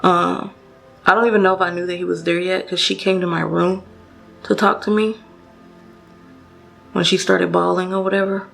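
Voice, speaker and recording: A woman's voice: fairly low pitch, flat delivery, moderate pace, creaky, long pauses, fairly bright tone, faint music behind. A young woman telling a personal story to her viewers while doing her makeup, casual and chatty with lots of fillers and restarts. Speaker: beauty vlogger.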